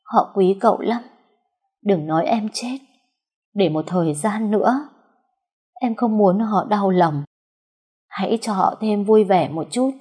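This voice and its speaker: A woman voicing a frail, gentle young wife saying a soft, weak farewell to her husband in a storybook reading. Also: mid-range voice, measured pace, pauses often, slightly rough, pitched above the performer's own voice. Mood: tender.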